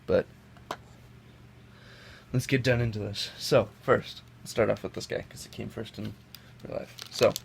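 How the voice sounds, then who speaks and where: A creaky, lowish male voice with fairly even intonation takes its time and pauses at length. The speaker is a young toy reviewer, sick and sniffling, chatting in a rambling way with self-corrections as he compares toys by hand at an indoor table. A camera mic off-screen above the table captures the noisy home recording.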